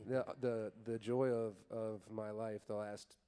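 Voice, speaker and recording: A male country singer-songwriter thanking the crowd from a theatre stage, grateful and halting, restarting his sentences often. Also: fairly low pitch, level tone, mellow, a little hiss or hum. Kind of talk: on-stage thank-you speech. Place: theatre stage at a live charity event.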